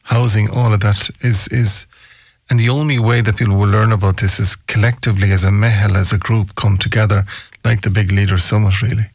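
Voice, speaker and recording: A man's voice: on the low side, level tone, brisk, creaky, no echo, clean studio sound. A man with a west of Ireland accent hosting a conversational local radio interview, chatty and given to listing examples in repeated phrasing.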